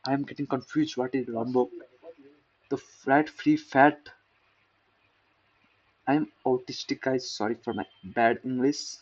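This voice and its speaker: A man's voice: mid-range voice, fairly even intonation, measured pace, pauses often, darkish tone. A man talks through a coding article in a loose, rambling way, often stopping to repeat a word until he says it right. He pokes fun at himself as he goes. The recording is dull and lo-fi. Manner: rambling, self-mocking, repeats words to practice pronunciation. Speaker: programmer reading a tech post. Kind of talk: casual screen-recorded coding talk.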